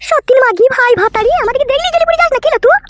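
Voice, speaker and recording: A woman acts in a comic family sketch with a very high voice. She scolds and quarrels with rapid, dramatic delivery. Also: muffled recording.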